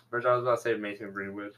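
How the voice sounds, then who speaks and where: A man's voice: on the low side, a bit bright, slight background noise. A young man chatting casually with friends as a podcast co-host, informal and slangy. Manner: slangy, informal, says "bro". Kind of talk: casual banter, football player draft.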